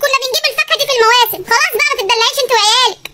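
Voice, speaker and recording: A performer doing a stingy Egyptian husband, very high and rapid. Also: a bit bright, slight background noise. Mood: scolding. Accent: Egyptian Arabic. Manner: scolding, haggling, fast-talking. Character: stingy nagging Egyptian husband, penny-pinching. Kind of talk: comedy sketch dialogue.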